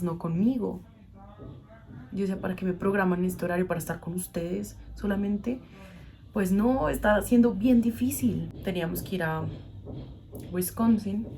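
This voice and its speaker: Young woman, casual storytime vlog, slightly low voice, faint hiss behind. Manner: animated storyteller, acts out quoted dialogue. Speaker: vlogger.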